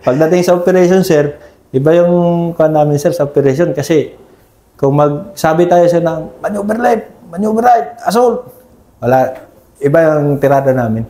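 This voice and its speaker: An army scout ranger team leader recounts combat memories in a conversational war-story interview, unhurried and respectful. His voice is mellow and a little high, and he deferentially ends nearly every phrase with "sir." The recording has a roomy echo.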